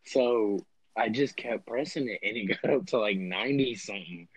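A young man guesting on a podcast, telling stories in casual chat with excited laughter. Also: mid-range voice, normal speed, slightly rough, dry recording, poor audio.

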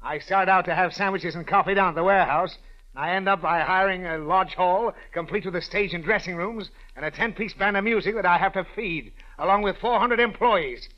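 An actor playing a grumbling, stingy older boss in 1940s radio acting, with a gruff, complaining voice. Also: male voice, high voice, a little fast, close to an everyday voice. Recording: dull old radio broadcast.

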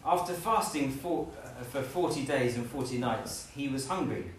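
Preacher in an echoey hall. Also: male voice, mid-range voice, moderate pace, a little hiss or hum. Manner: animated, acts out scenes in playful voices. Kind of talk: sermon. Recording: echoey room, from a distance.

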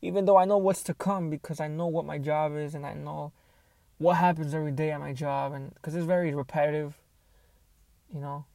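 A young man talking casually and hesitantly, thinking out loud in an unscripted solo podcast, recorded on an earbuds mic inside a car. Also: a little high, steady tone, fairly quick, vocal fry, no room sound.

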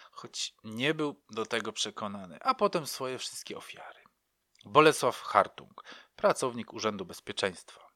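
A man's voice: on the low side, sharp tone, no echo, clean studio sound. A man narrating a true crime story in a dramatic manner, addressing listeners directly.

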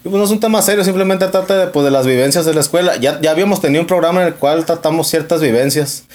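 Hombre mexicano, habla callejera de podcast. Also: male voice, on the high side, fast, a little mellow. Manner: slangy, profane street talk. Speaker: podcast host. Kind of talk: casual podcast chat.

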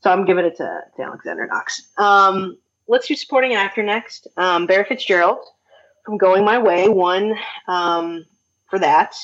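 A woman co-hosting a casual podcast chat, animated and quick to laugh. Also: medium pitch. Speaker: podcast co-host. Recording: dull lo-fi sound.

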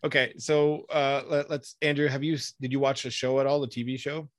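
A man's voice: medium pitch, little pitch movement, brisk, no room sound, studio quality. A man hosting a podcast, chatting casually and rambling through enthusiastic recommendations. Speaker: podcast host. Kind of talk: casual chat.

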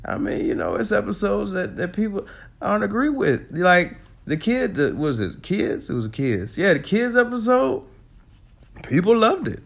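A man with a congested, rough voice hosting his own casual solo podcast, talking loosely, laughing often, swearing and repeating words as he goes. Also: high voice, sing-song, normal speed. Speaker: podcast host.

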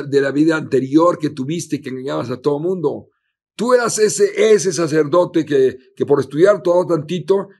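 A man tells a story as a rabbi in a sermon. His voice is a little husky and sits at an ordinary pitch, and he keeps saying "he says" as he acts out each character's lines. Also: darkish tone. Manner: acts out dialogue with frequent "le dice" and repeated words.

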